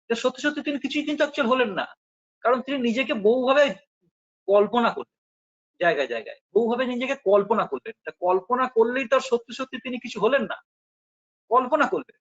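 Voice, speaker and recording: A man with a Bengali accent explains spiritual philosophy in a patient, questioning way. His voice sits very high. The recording is dull and lo-fi. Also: expressive, fast. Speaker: spiritual teacher. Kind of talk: philosophical discussion.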